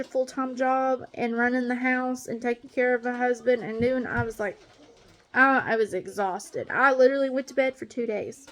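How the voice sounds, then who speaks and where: A woman ranting bluntly and angrily as a stepmom in a casual vlog monologue. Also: fairly high pitch. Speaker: stepmom vlogger.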